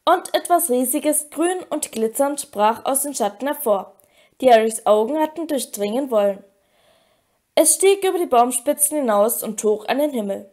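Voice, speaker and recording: A woman narrating an audiobook in a high, clear voice. She tells the story in a steady, expressive way, keeping an even flow through the scenes. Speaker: audiobook reader.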